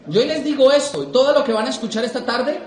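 A young man giving an animated seminar talk to a live audience, repeating points for emphasis. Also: extremely high pitch, fast, a little hiss or hum. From Colombia. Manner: animated, repeats for emphasis, acts out quoted people. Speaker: motivational speaker. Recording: echoey hall.

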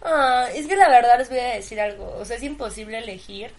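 Mexican girl in her 20s cohosting a podcast, kinda high voice, super casual slangy chat. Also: a little fast. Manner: slangy, lively, laughs often. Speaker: podcast co-host.

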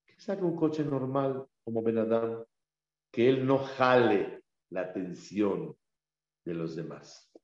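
Male religious teacher, low and dark, emphatic with big loud-soft swings, echoey room, dull lo-fi sound. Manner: repeats key phrases for emphasis, asks the audience questions. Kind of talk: Torah class in Spanish.

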